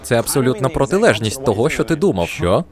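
Lively man dubbing a comedy sketch. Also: mid-range voice, fast. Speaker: voice-over dubber.

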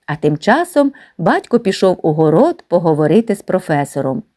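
Expressive woman reading a classic story. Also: on the low side, a little fast. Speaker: narrator.

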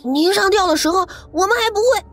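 A man voicing a bold young village boy in a horror audiobook, in a squeaky falsetto with an urgent, quick delivery. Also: fairly bright tone, faint music behind. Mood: pleading.

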